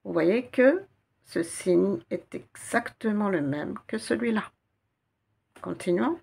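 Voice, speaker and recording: Slow, gravelly woman teaching Arabic reading. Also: mid-range voice, lively intonation, a little mellow. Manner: patient, slow and didactic, repeats syllables. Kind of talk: guided reading lesson.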